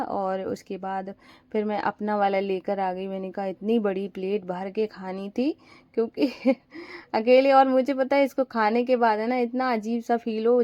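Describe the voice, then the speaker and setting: Chatty feverish woman, soft dark voice. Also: fairly high pitch, no echo, lo-fi sound. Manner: chatty and rambling, frequent fillers. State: feverish and weak. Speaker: home vlogger. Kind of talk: casual voice-over narration of daily chores.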